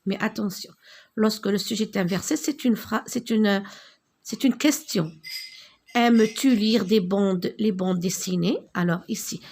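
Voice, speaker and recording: A woman with a North African French accent, teaching a grammar lesson to young children in a slow, emphatic way, lifting her voice on the example questions. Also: mid-range voice, a little mellow.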